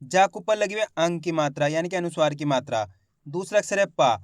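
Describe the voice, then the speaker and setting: A man teaching a step-by-step reading lesson, sounding out syllables slowly and answering his own questions. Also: fairly high pitch, animated, no echo, clean studio sound. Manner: addresses viewers as friends, plain conversational teaching.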